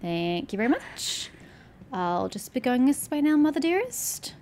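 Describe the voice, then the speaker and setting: A woman's voice: mid-range voice, animated, unhurried, darkish tone, a little hiss or hum. A woman doing live horror game commentary as a scared, jittery streamer who mutters to herself and swears.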